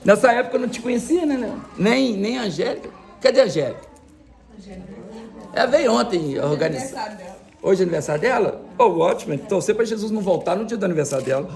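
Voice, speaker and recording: A man's voice: high voice, animated, quick pace, creaky, a crowd in the background. A male pastor, preaching a sermon in a joking, chatty way and teasing the congregation. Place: church service.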